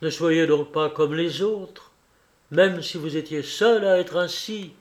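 A man reading aloud as a kind young man who speaks in a soft, reassuring way. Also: fairly high pitch, slow. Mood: gentle. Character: gentle, kind young man, calm and sincere.

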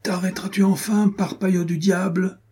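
A man voicing a boisterous, swaggering young cavalier who talks loud and teasing, out of breath. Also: medium pitch, moderate pace, slightly rough, close to an everyday voice.

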